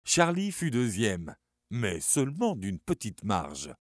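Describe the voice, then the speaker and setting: Expressive male story narrator. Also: fairly low pitch, slow, dry recording, studio quality. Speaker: audiobook narrator.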